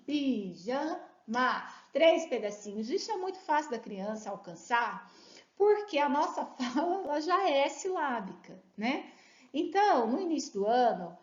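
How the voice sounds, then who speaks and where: A woman, a literacy educator giving an animated lesson. She asks the listener questions and slows down to sound words out syllable by syllable. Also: a little high. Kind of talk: instructional talk to teachers and parents. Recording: roomy, slightly muffled recording.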